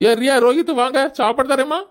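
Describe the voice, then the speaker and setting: A woman's voice: sits high, fairly quick, very noisy, close to an everyday voice. A woman voicing a short-tempered mother in a cartoon who scolds sharply. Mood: scolding. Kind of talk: cartoon voice acting.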